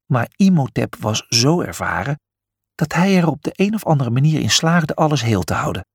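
A man's voice: medium pitch, sing-song, moderate pace, vocal fry, breathy edge, no room sound, clean studio sound. A man narrating a children's adventure story, reading expressively.

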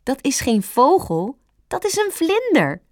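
An eager, cheerful little boy rabbit from a storybook, chirping high and bright, as a woman reads him out. The telling is unhurried, and the voice sits dry and close. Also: huge pitch swings, no echo, full character voice. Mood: eager, playful. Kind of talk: storybook reading.

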